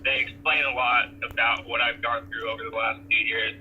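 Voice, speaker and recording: A man's voice: mid-range voice, flat delivery, fairly quick, sharp tone, a little hiss or hum. Man on a tinny Bluetooth car phone line. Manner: laid-back, many fillers and restarts. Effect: Bluetooth phone call from a car. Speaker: touring band member being interviewed. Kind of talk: casual phone interview. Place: in a car while driving. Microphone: car Bluetooth hands-free.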